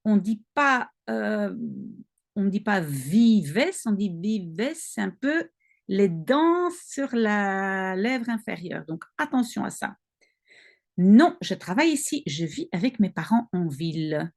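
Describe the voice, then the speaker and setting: Slow, careful Belgian French woman. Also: medium pitch, big pitch swings, creaky. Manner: slow, careful, self-correcting, explaining as she goes. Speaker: language-learning video host. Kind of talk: reading practice dialogue aloud.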